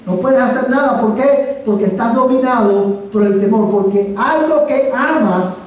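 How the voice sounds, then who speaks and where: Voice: medium pitch, a little slow. A preacher delivering a Spanish sermon, emphatic, asking the congregation rhetorical questions and calling them brother. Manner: addresses listeners as brother. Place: church sanctuary. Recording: echoey sanctuary, mic from far off.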